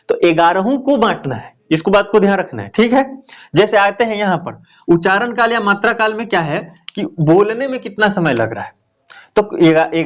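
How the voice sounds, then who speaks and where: A man with a fairly high voice teaches a grammar class step by step. He keeps asking a question and answering it himself, and he checks in with his listeners often. When he shows a vowel he draws the sound out long. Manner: explains step by step, repeats key answers as questions; stretches out vowel sounds to demonstrate them.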